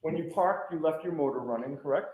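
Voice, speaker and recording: A man's voice: fairly high pitch, fast, darkish tone. A man questioning a witness as defense attorney, firing pointed leading questions that end in "correct?". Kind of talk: courtroom cross-examination. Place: courtroom. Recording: echoey courtroom.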